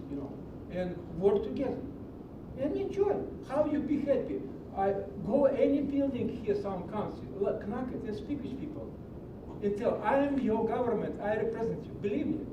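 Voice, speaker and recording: A middle-aged man, speaking broken English in a passionate, preachy public comment at a county meeting. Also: dull audio. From Greece. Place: large meeting hall. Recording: echoey hall from far off with low rumble.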